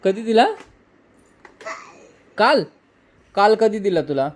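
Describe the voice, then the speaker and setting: A man in his thirties, a father and vlog host, gently and playfully questioning his small daughter in a casual home video. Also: sits high, lively intonation, slow pace, a little hiss or hum.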